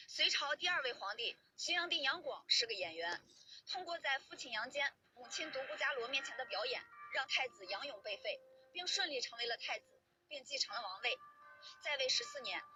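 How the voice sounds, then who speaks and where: A woman's voice: a little high, bright, forceful tone. A woman narrates history from a script in a colloquial storytelling manner.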